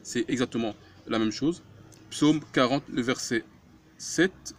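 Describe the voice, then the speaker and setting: A man giving a Bible study talk, reading scripture aloud and explaining it in short, deliberate phrases. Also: medium pitch, slight background noise. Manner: slow, deliberate, breaks phrases into short pieces; reads Hebrew words aloud louder, word by word. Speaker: religious teacher.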